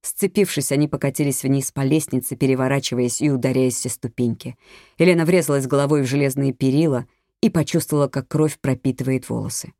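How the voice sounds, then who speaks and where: An audiobook narrator giving a measured, even reading of a crime thriller. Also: medium pitch, no room sound, clean studio sound.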